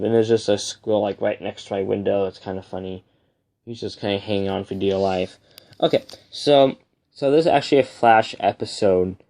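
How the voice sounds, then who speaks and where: A young man giving a casual, rambling review vlog, with a speech impediment that turns r into w and softens l. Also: lowish voice, creaky. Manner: halting, rambling, repeats and restarts phrases. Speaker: comic book reviewer.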